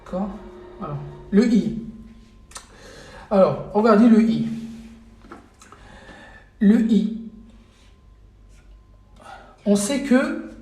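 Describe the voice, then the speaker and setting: A man's voice: high-pitched, sing-song, slow, pauses often, darkish tone, reverberant. A man teaching a live online lesson as an Arabic teacher, hesitant with many fillers and repeated checks that listeners follow.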